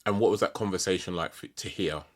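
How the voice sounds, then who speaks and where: A man's voice: low-pitched, quick pace. A British man hosting a conversational podcast interview, asking reflective questions in an informal way. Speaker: podcast host.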